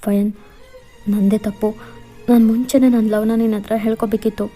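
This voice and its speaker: A woman's voice: a little high, flat delivery, normal speed, dark tone, soft background music, natural voice. A woman voicing an insistent, pleading young man confessing love in a fan fiction voiceover. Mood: earnest pleading. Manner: insistent, coaxing.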